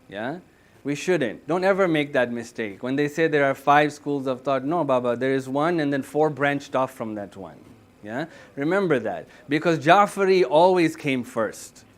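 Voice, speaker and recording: A man's voice: a little high, animated, moderate pace. Sermonizing man, constantly checking in. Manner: tells stories with many "yeah?" checks to the listeners; earnest, exhorting. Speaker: imam giving the Friday sermon.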